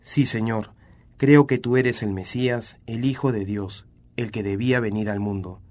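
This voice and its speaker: A man's voice: lowish voice, steady tone, moderate pace, a little mellow, close to an everyday voice. A man reading the lines of Marta, a grieving grown woman of faith, in a plain and earnest way.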